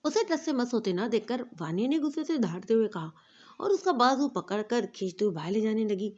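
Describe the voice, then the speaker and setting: A woman narrating a romantic novel in an expressive storytelling voice. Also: on the high side, muffled recording.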